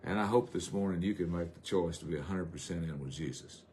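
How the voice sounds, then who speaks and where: A middle-aged man, preaching a folksy, rambling sermon on a live stream with drawn-out emphasis. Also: sits low, a little mellow, a little hiss or hum.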